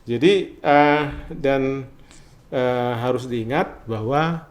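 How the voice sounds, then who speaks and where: A male library official answers interview questions in a halting, repetitive way, filling pauses with hums and "eh". His voice sits at an ordinary middle pitch. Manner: halting, many fillers and repeated phrases. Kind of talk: conversational interview.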